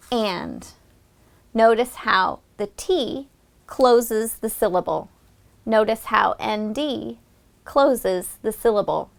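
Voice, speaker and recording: A woman teacher explaining a phonics lesson plan and then modeling it, drawing out the vowel sounds slowly and deliberately for students. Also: medium pitch, gravelly.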